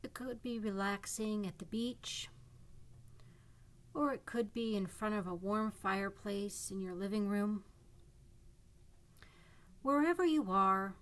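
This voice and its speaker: A woman narrating a guided imagery meditation in a calm, soothing way, leaving long pauses between gentle instructions. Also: mid-range voice. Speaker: psychotherapist guiding a meditation.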